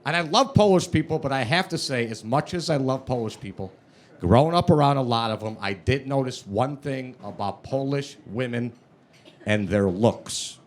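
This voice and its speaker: A man's voice: medium pitch, animated, moderate pace. A man with a thick Chicago accent doing brash, streetwise stand-up comedy. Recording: noisy live comedy room.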